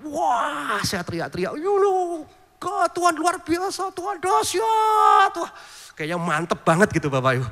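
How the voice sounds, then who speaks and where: A man preaching in a church, his voice sitting high and ringing bright. He tells stories with animated mimicry of other people's voices, and a long hall reverb trails every phrase. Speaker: pastor. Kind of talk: sermon.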